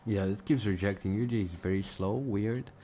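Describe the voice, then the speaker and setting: A young man with a Romanian accent has a lowish, mellow voice at moderate pace, with a slight hiss or hum in the audio. He chats casually during a live trading stream, thinking aloud and swearing freely, with music and mouse clicks in the background.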